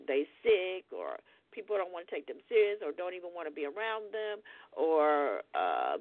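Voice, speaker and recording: A woman's voice: medium pitch, dry recording, phone-quality sound. A woman hosting a radio talk show, reading definitions aloud and then explaining them in casual words. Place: radio studio.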